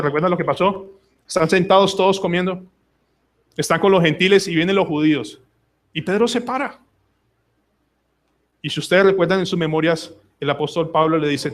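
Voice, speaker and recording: A pastor delivers an emphatic sermon at a church service. His voice sits fairly high for a man. He slips into quoted voices and pleading prayers as he preaches. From Colombia.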